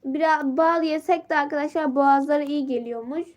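High-voiced teen girl, sick and stuffy. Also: fairly quick. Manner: chatty, greets viewers and reads comments aloud. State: sick, sore throat, stuffy nose. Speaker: live streamer. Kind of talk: casual live stream chat.

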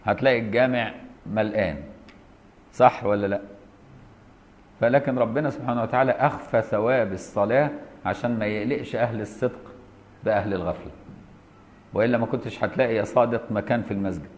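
A middle-aged man with an Egyptian Arabic accent teaching an Islamic jurisprudence lesson, switching between formally reading a text and lively colloquial explanation, checking in with his students. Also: medium pitch. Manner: asks students rhetorical checks. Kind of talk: classroom lesson on a commentary text.

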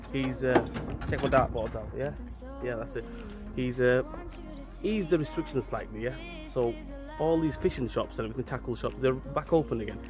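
A man, vlogging casually to a handheld camera in his car, outdoors and in shops, chatty and excitable. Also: mid-range voice. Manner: chatty, excitable, says "right?" and "let's go" often. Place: car, outdoors in town and by a river, shop. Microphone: phone or action camera held at arm's length.

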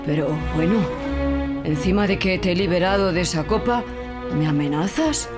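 A poor, aging fisherman voiced by a storyteller speaks low and subdued, half grumbling, the voice dropped well below the narration. He sounds timid and careful. Soft music runs underneath the storybook reading. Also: animated, normal speed, lightly acted. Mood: indignant. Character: poor, worried old fisherman, timid but clever. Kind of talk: storybook character voice. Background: background music.

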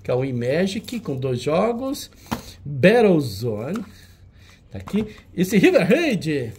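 Chatty man, lively swooping voice. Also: fairly high pitch, slow. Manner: chatty, teasing, jokey banter with a helper. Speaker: seller hosting a retro game auction. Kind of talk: casual show-and-tell of old game cartridges.

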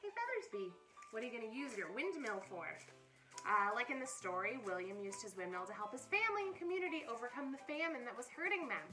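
Talking fast in a voice on the high side, a woman in her thirties who is a camp director and children's story reader chats to children and reads a picture book aloud with animated, encouraging, wide-eyed emphasis. She speaks over music in a small indoor playroom, and the audio is poor.

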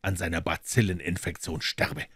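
Brief: wry brilliant detective, low and composed, read by a male narrator. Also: breathy edge, dry recording, heavily acted. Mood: explaining. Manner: calm, measured.

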